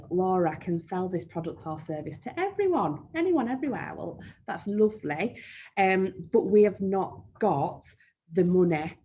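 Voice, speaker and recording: A woman's voice: lowish voice, a little mellow, slight background noise. A woman with a broad Yorkshire accent presenting a live marketing webinar and answering questions in a chatty, down-to-earth way, with frequent "um" fillers. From Yorkshire, England. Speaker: marketing trainer.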